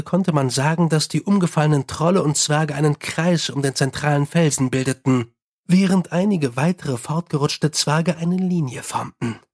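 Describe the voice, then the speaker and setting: Male audiobook narrator, husky, slightly higher pitch, measured delivery. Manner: even, measured storytelling. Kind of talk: scripted narration.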